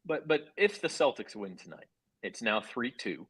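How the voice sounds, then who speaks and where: Slightly husky man pushing back calmly. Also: medium pitch. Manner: reasoned, measured pushback. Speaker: sports betting podcast co-host. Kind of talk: casual sports betting debate.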